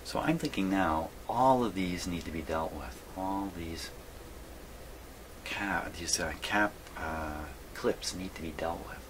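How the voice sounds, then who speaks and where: A man with a low voice speaks slowly as he narrates a hands-on repair vlog from his indoor workshop, where he fixes vintage radios as a hobby. He thinks aloud in a rambling, folksy, casual way, and there's clear background noise in the recording.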